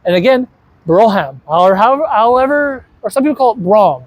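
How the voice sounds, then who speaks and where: Brief: male co-host, relaxed and excited, explains exhibits while walking an indoor museum hall. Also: extremely high pitch, quick pace. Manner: enthusiastic, rambling with many restarts. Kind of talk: casual chat touring a museum.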